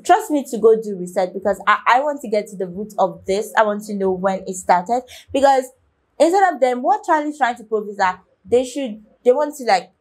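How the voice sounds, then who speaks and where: A woman's voice: on the high side, lively intonation, fairly quick. A young woman hosting a reaction video, talking to viewers in a casual, rambling way with many restarts and fillers. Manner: talks straight to viewers, asking their opinion.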